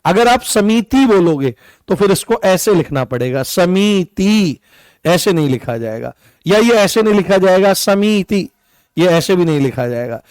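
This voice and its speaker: A man's voice: sits high, big pitch swings, moderate pace, darkish tone, no room sound. A man teaching an online exam-prep class, coughing, often turning key points into questions for his students. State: coughing, hoarse. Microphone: own mic.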